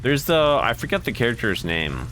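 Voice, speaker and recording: A man giving casual gameplay commentary as a streamer, thinking aloud in a relaxed way and swearing now and then. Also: mid-range voice, moderate pace, background noise.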